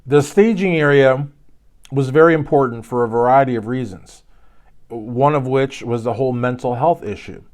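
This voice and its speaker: A man's voice: medium pitch, normal speed, darkish tone. A man from Kentucky hosting a YouTube channel, giving casual commentary with rambling, joking asides. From Louisville, Kentucky.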